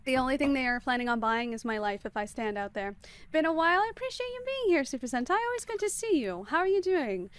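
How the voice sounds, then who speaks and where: A woman streaming a game live, talking extremely fast and chatting with viewers as she plays. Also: high voice, big pitch swings, clean tone, dry recording. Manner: chatty, greets viewers by name. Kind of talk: live gameplay commentary.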